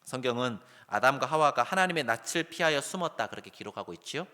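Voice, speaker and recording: A middle-aged male pastor preaching a sermon, lively and animated, sometimes loud and sometimes dropping soft. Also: mid-range voice, fast. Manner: animated preaching, acts out calls in a raised voice, then drops soft. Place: church sanctuary. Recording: long hall reverb.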